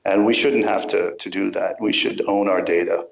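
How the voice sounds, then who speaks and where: Low-voiced man from California, hesitant delivery, echoey muffled call audio. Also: steady tone, moderate pace, vocal fry. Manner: hesitant with many ums and restarts. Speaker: guest. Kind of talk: remote interview over a call. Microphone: call microphone.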